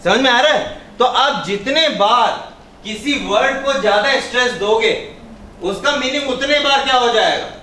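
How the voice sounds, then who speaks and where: A man's voice: extremely high pitch, normal speed, sharp tone. A male trainer running an interactive workshop, stressing words emphatically, quizzing his audience and mixing in English. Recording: echoey room, far from the mic, faint noise.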